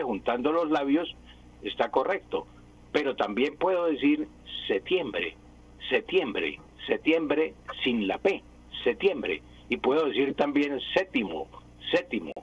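Husky-voiced man teaching pronunciation on radio. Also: medium pitch. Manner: didactic, repeats words to demonstrate pronunciation. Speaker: language expert on radio. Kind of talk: radio call-in explanation. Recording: dull lo-fi radio sound.

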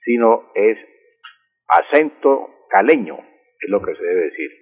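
A man explaining word usage on a radio language segment, patient and methodical, repeating key words slowly. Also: lowish voice, very animated. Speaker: language expert answering listeners. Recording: husky voice over a tinny phone line with long reverb.

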